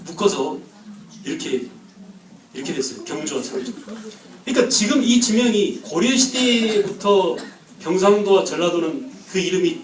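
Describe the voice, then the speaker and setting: High-voiced male lecturer in a roomy classroom. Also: distant mic. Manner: quizzes the class with quick questions, jokes and laughs. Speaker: history lecturer.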